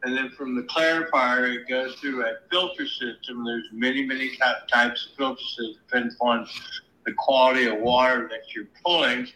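A man's voice: mid-range voice, steady tone, moderate pace, pushed and bright. A man heard over a phone on speaker, explaining in a plain, matter-of-fact way with lots of ums and uhs. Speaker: caller, water treatment plant worker. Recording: echoey phone speaker sound.

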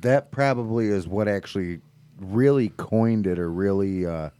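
A man's voice: on the low side, moderate pace, warm tone. A man co-hosting a casual podcast, chiming in with dry, wry remarks. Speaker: podcast co-host. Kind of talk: casual chat.

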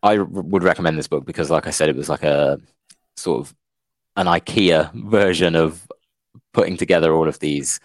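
Very deep-voiced man, calm and dry. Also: moderate pace, no room sound. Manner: calm, reflective, hesitant with fillers. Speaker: podcast co-host. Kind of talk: casual podcast chat.

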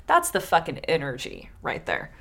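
Lively woman telling a folktale. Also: sits low, moderate pace, gravelly. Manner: reads folktale aloud, swearing and laughing, doing voices. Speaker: podcast co-host. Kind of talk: casual storytelling chat.

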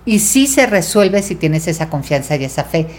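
A middle-aged woman with a Mexican accent explaining ideas in a podcast chat, animated and teacherly. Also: fairly low pitch, moderate pace. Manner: animated, teacherly, acts out quotes. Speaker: guest teacher. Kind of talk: casual podcast talk.

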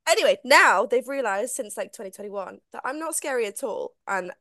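A woman's voice: on the high side, animated, a little fast, sharp tone, no room sound, clean studio sound. A young woman hosting a podcast, chatting casually and teasing, laughing often. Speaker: podcast host. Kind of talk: casual chat.

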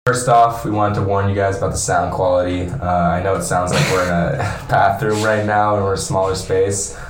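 A man co-hosting a casual chat, relaxed and heavy on filler words, recorded in an echoey bathroom-like small room. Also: sits low, normal speed, music in the background. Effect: echoey bathroom-like room sound. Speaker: co-host.

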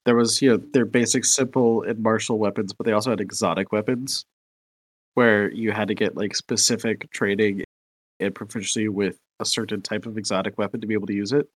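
Rambling man with a low voice. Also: steady tone, a little fast, no room sound. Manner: rambling, many fillers and restarts. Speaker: podcast co-host. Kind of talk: casual chat.

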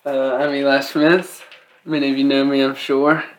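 A young man with a mid-pitched voice co-hosts a casual podcast. He talks in a playful, jokey way into a microphone in an attic. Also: little pitch movement, normal speed, a little hiss or hum, rough recording. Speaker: podcast co-host.

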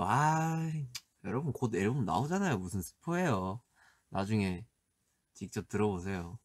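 Brief: a laid-back man hosting a birthday live stream, quiet and soft-spoken, answering comments between easy laughs. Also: lowish voice, husky, no room sound.

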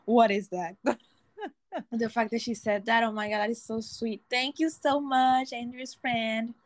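Bubbly higher-voiced woman chatting. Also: level tone, no echo. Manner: bubbly, effusive, quick reactions. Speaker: podcast co-host. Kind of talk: casual chat.

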